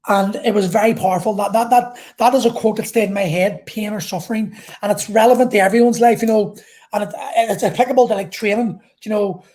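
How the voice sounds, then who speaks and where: A woman's voice: mid-range voice, mellow. Woman telling an intense personal story. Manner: intense, halting, repeats phrases, swears. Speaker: vlogger.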